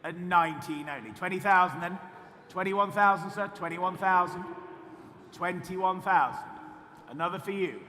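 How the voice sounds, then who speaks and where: A man runs a live auction with clipped, repetitive bid-calling patter. His voice is fairly high and very bright, cutting through forcefully. It carries long reverb from a big hall. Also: moderate pace, slight background noise. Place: large auction room at a motor festival.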